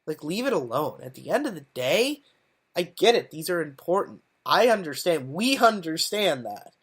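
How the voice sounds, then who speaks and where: A man's voice: on the high side, very animated, normal speed, breathy edge. A man co-hosting a podcast in casual chat, hesitant and full of ums and you-knows. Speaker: podcast co-host.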